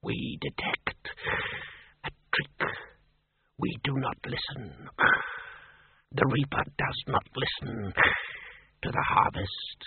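A man voicing a faceless new Death, cold and menacing, in a breathy, whispered voice. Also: mid-range voice, slow, pauses often. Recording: tinny phone-like sound with noise.

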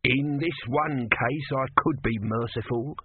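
A tiny, outraged male tortoise god, voiced by a man, hurling slow, grandiose curses. His voice sits high above the reader's own and has a strange, altered colour. It comes through a thin, phone-like line. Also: noisy background, natural voice. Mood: dry, grumbling. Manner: indignant, spits theatrical curses. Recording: tinny phone-like audio.

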